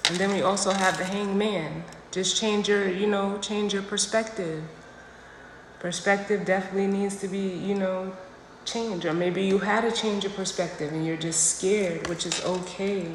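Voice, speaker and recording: A woman's voice: medium pitch, fairly even intonation, moderate pace. A woman giving a casual tarot reading on a phone livestream, talking straight to the listener in a slangy, emphatic way and repeating her phrases. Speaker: tarot reader. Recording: echoey room with long reverb, faint noise.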